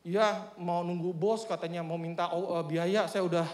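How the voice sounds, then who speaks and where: A tired, injured street tough who complains of his aching head, as a preacher voices him. The voice sits high for a man, and it rings around a large echoing church. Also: steady tone, moderate pace, close to an everyday voice. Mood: weary. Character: injured weary neighborhood thug man.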